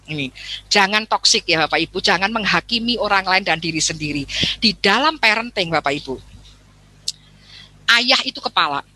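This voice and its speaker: Animated Javanese-accented woman lecturing. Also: mid-range voice, no echo. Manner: chatty, keeps addressing the audience; acts out quoted dialogue. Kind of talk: lively seminar talk.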